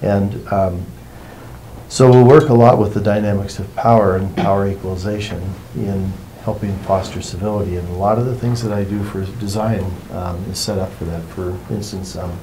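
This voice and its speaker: A man with a fairly low, very mellow and relaxed voice talks as a workshop facilitator. He explains informally and takes his time, wandering from point to point. There is some background noise in the room. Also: normal speed, rough recording. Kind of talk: informal explanatory talk to a group.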